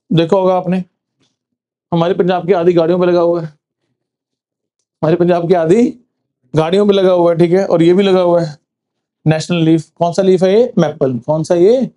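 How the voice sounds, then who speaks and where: High-voiced, mellow male teacher. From Punjab, India. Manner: quizzing, asks then answers with "sir", slows for reading English facts. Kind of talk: classroom exam-prep lecture.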